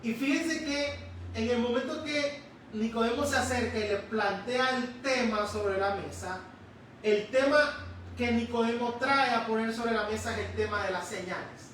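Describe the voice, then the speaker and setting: A man preaching a sermon in a church, slowly and emphatically, stretching out key words. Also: very high-pitched, a bit bright, slight background noise. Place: church sanctuary. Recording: echoey church hall, distant mic.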